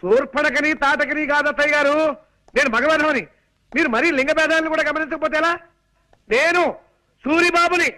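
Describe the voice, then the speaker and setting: A man playing a flustered, fawning suitor in a film comedy, talking in an exaggerated way and shouting at a deaf elder. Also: extremely high pitch, steady tone, fast, rough recording. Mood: indignant. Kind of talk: 1990s film comedy acting.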